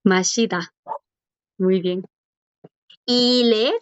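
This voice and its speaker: A woman's voice: medium pitch, very slow, smooth. Patient woman teacher quizzing her class, dull muffled sound, no room echo. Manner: patient, encouraging, quizzes students and praises answers. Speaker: Korean language teacher. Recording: dull lo-fi dry audio.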